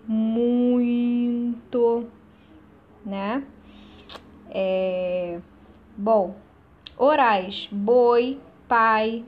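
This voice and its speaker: Woman teacher, fairly high voice, slow and halting; dull lo-fi recording. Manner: slow, with many "né?" tag questions and hesitations. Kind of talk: recorded class lesson.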